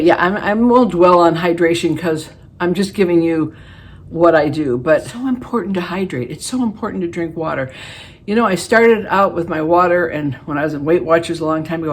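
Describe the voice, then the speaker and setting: This is a woman in her late seventies, chatting casually to her camera at home. She talks in a folksy, rambling way and pokes fun at herself, in a slightly low voice. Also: a little hiss or hum. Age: 70s. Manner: chatty and folksy, with laughs and self-deprecating jokes. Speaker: beauty vlogger. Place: her living room.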